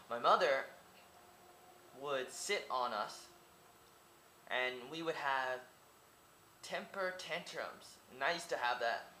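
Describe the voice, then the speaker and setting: A young male vlogger from Oregon, United States, rambles to his close-range webcam in a small room, firing off rhetorical questions and repeating himself in a casual monologue. His mid-range voice is bright and forceful. The sound is roomy with a little hiss or hum.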